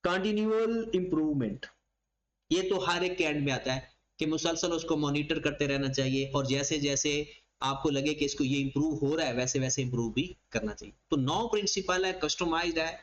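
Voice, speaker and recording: High-voiced man lecturing. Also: normal speed, dull audio. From Pakistan. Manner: explains by asking and answering his own questions. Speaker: accounting lecturer. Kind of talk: classroom lecture.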